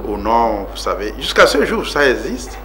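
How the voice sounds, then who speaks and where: A man in his forties from Togo talks through his life story as a guest on a television interview. His voice is bright and forward, his delivery earnest and emphatic, broken by frequent filler sounds and pauses. A faint hiss sits behind him. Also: medium pitch, sing-song. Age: 40s. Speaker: guest politician.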